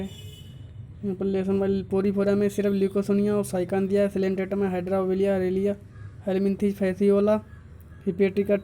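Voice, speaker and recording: A YouTube teacher with a medium-pitched, dark-toned voice reads an exam syllabus topic by topic, stopping to point out and correct mistakes in it. There's a little hiss or hum.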